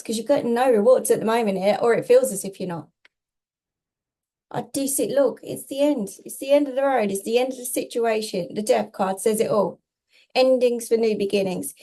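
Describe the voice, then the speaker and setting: Hosting a tarot reading, a woman offers casual spiritual guidance in a mellow, fairly high voice. She is reassuring and emphatic, repeating herself in short phrases.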